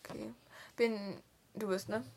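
A young woman speaking, chatting casually and excitably while playing a guessing game, swearing now and then when stuck. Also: mid-range voice, a little slow, gravelly. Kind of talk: casual chat.

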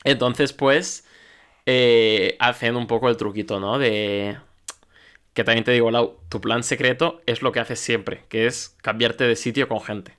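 A man's voice: mid-range voice, fairly even intonation, unhurried, fairly bright tone, clean tone. Wry man recapping manga. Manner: wry, joking, acts out quotes. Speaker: podcast co-host. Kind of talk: casual chat recapping manga chapters.

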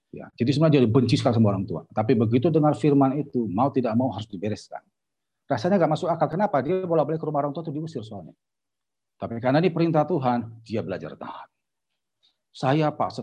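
A man's voice: mid-range voice, warm tone, slightly rough, lo-fi sound. A man preaching a sermon as a pastor, telling a story to his congregation and speaking sternly and emphatically.

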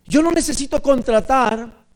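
An older man with a Mexican accent preaching a sermon to a congregation, moving from hushed asides to loud, drawn-out emphatic calls. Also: very high-pitched, poor audio. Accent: Mexican Spanish. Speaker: pastor.

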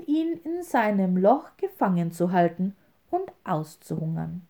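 A woman telling a fairy tale aloud in an expressive, lively storytelling manner. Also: medium pitch.

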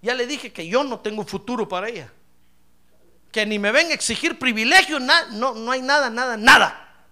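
A man's voice: extremely high pitch, normal speed, bright, forceful tone, full character voice. A man preaching, voicing a bitter, stubborn old widow who scolds and exasperatedly refuses.

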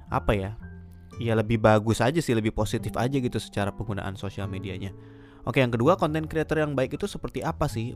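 A man hosts a casual solo podcast over background music. He speaks with a slight lisp that slurs his r sounds. He often circles back and rephrases as he gives his opinions. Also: medium pitch. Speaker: podcast host.

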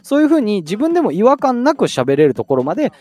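A man's voice: high voice, huge pitch swings, fast, darkish tone, no room sound. A man hosting a casual solo audio talk, speaking chattily with many fillers and rhetorical questions to his listeners. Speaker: audio podcast host.

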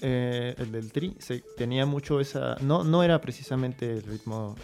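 A man with a Mexican Spanish accent chatting casually on a podcast, slangy and animated. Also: mid-range voice, normal speed, soft background music. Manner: animated, sings snippets, slangy. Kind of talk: casual chat.

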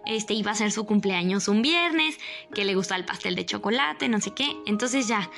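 A young woman with a Mexican Spanish accent telling a personal story in a casual, animated, dramatic way. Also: normal speed, vocal fry, faint music behind. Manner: animated, dramatic, jumps up in pitch for emphasis.

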